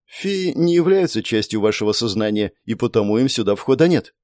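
A man voicing a serene, ageless female spirit who lives in a pendant, speaking melodically and calmly, in a storybook reading. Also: mid-range voice, fairly quick, dry recording, studio quality, natural voice. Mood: calm, melodic. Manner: melodic, calm, explaining patiently.

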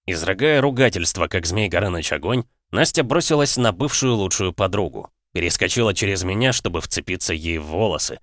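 A man reading a first-person story aloud in a measured, even storytelling manner. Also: low-pitched, dry recording, studio quality. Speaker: audiobook narrator. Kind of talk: first-person scripted narration.

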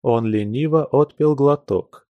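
A man narrating a classic novel as an audiobook in a calm, measured delivery. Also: mid-range voice, no echo, phone-quality sound.

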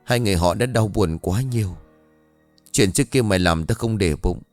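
A man's voice: on the low side, moderate pace, darkish tone, no room sound, soft background music, lightly acted. A man voicing a frightened young woman in a spoken ghost story, stammering as she speaks. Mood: solemn. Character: frightened young woman, a grieving older sister.

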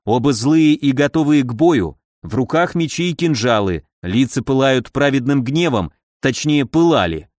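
A man narrating a first-person audiobook in a wry, expressive way. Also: medium pitch, normal speed, hardly any pauses, dry recording, clean studio sound.

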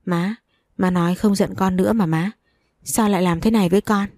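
A woman's voice: medium pitch, steady tone, fairly quick, a little mellow, no room sound, clean studio sound, close to an everyday voice. A woman voicing a frightened young daughter-in-law who pleads tearfully in a storybook reading. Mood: pleading.

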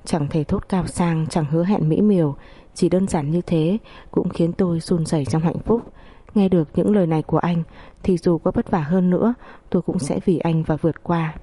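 A woman narrating a first-person family story in a steady, melancholy reading voice. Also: fairly low pitch, normal speed, slightly rough, no echo.

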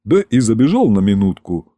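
A man voicing a burly, heavy-set townsman who speaks low and slowly in a booming voice. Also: very animated, warm tone, no echo. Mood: gruff. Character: gruff burly male townsman, slow and heavy.

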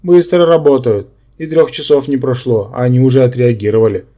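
A man's voice: medium pitch, steady tone, fairly quick, warm tone, highs cut off, natural voice. A man voicing an irritable male half-demon hero who speaks dryly and sarcastically, in an audiobook. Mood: sarcastic. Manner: dry, sarcastic.

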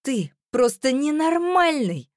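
A woman voicing an angry young man who talks with a sharp, raised voice. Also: high voice, big pitch swings, takes it slowly, no echo, clean studio sound, voice pushed up, heavily acted. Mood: mocking.

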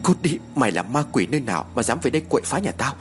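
A man voicing a frightened husband who shouts fierce threats at a ghost to protect his wife. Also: medium pitch, big pitch swings, fast, a little hiss or hum, natural voice. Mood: desperate, defiant.

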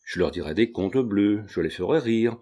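A man's voice: lowish voice, expressive, normal speed, slightly rough, pitched below the performer's own voice. A man reading an audiobook, voicing a cheerful old carpenter father doting on his daughter. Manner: doting, warm-hearted.

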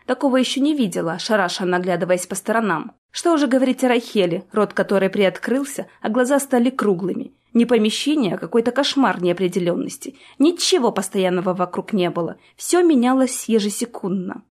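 A woman narrating a fantasy audiobook in a steady, even storytelling manner. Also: mid-range voice, a little fast, few pauses. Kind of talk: scripted narration.

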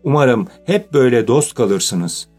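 A man reading a kind old grandfather gentleman. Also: mid-range voice, animated, a little slow, breathy edge, faint music behind. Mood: kindly. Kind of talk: audiobook character voice.

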